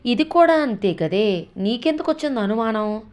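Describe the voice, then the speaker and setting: A woman's voice: on the high side, lively intonation, normal speed, a little mellow, voice pushed up, lightly acted. A woman voicing an impatient, irritated middle-aged son in a read-aloud story. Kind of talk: storytelling with character voices.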